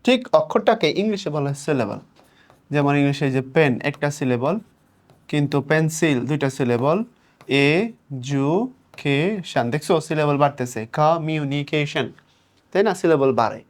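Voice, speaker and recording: A young man leads an exam-prep lesson, his voice sitting a little high for a man. He explains patiently, counts syllables out slowly one by one, and puts on the questions his students might ask. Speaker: teacher.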